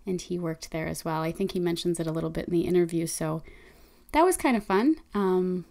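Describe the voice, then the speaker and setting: Her voice is lowish, gravelly, and dark as this woman hosts a podcast, unhurriedly reading listener reviews and welcoming the guest in a friendly way, now and then saying um.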